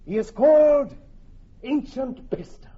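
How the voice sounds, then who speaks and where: Fluellen, pedantic high-voiced captain. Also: male voice, takes it slowly. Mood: boastful admiring. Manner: fussy, emphatic explaining. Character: pedantic, earnest, excitable Welsh army captain. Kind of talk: theatrical Shakespearean radio acting. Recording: dull, noisy old radio recording.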